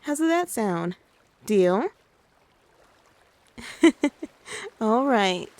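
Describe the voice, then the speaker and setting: Woman doing a doting mom, ASMR role-play, soothing and coaxing, high voice, dry close sound. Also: very animated, extremely slow, a little mellow, dry recording, full character voice. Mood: tender. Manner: soothing, coaxing, talks to the listener as a child. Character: gentle doting mother taking her little one out. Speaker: ASMR creator.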